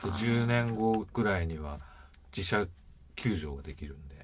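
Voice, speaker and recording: A man in his fifties chatting casually, animated, with laughs and sudden jumps in pitch when excited. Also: moderate pace, a loud crowd. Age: 50s. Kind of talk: casual chat.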